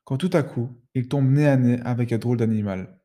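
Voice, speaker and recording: A man reading a children's story aloud in a lively, sing-song way. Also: mid-range voice, fairly quick.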